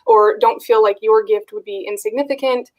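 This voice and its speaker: A woman's voice: medium pitch, steady tone, normal speed, highs cut off. A woman hosting a virtual fundraiser, encouraging viewers to give and starting many phrases with "uh". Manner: encouraging, with frequent "uh" fillers. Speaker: fundraiser host.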